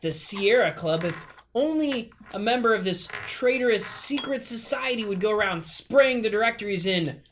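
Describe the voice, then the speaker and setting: A woman's voice: on the high side, animated, normal speed, slight background noise. Brash woman playing a tabletop game. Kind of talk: in-character action calls and banter.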